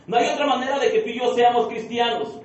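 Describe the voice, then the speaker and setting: A man's voice: very high-pitched, steady tone, quick pace. A man preaching a fervent sermon as pastor, firing off repeated rhetorical questions and calling his listeners beloved brothers. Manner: addresses the congregation as beloved brother. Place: church sanctuary. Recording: echoey room from far off, dull and lo-fi.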